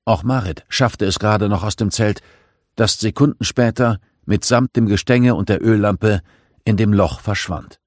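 Low-voiced man narrating dramatically. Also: normal speed, dry recording, clean studio sound. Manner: dramatic reading, raising pitch for shouted lines. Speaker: audiobook narrator. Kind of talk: scripted first-person narration.

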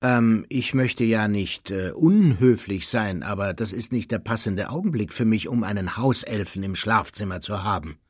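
A man's voice: on the low side, normal speed, hardly any pauses, breathy edge, no echo, clean studio sound. Man reading a hesitant, polite young wizard. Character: polite, unsure boy wizard.

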